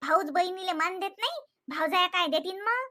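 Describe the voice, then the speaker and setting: A sulky older mother-in-law from a cartoon comedy, played by a woman, dragging out her complaints in a high, bright voice. She grumbles slowly and pointedly. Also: lively intonation, exaggerated voice. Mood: grumbling.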